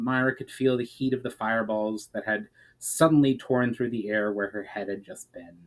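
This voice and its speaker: Over poor audio, a man with a mid-range voice delivers his own fantasy chapter as a dramatic audiobook-style reading. His stress falls on the starts of phrases, the endings fall away, and there are a few stumbles.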